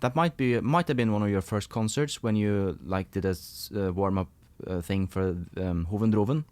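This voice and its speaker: A man's voice: lowish voice, moderate pace, a little mellow, no room sound. A man hosting a music podcast, asking questions in a rambling, enthusiastic way with many fillers. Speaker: podcast host. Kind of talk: casual interview.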